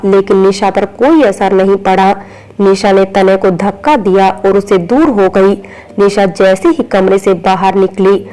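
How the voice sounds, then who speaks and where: A woman narrating a romantic drama story in an even, unhurried reading voice. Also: medium pitch, rough recording.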